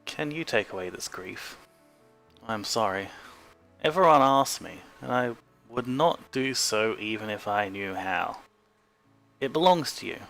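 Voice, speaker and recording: A man playing a gentle, solemn character consoling someone, in a broad Australian accent, speaking softly. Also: on the low side, expressive, unhurried, creaky, soft background music, exaggerated voice. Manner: soft and solemn.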